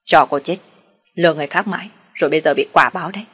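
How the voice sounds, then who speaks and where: A woman's voice: low-pitched, racing, a bit bright, breathy edge. A woman voicing a fed-up young man who talks in a sulky, curt way. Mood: angry.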